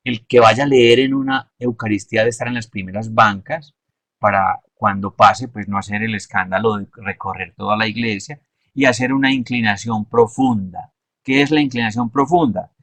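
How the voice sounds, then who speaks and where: A man giving a measured, explanatory lesson and stressing his key points. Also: fairly low pitch, fairly bright tone, no echo. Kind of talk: instructional talk.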